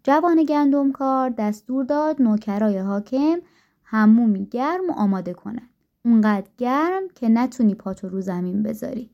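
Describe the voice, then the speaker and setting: A woman narrating a folk tale in a calm, gentle storytelling manner. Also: a little high. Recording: dull lo-fi recording.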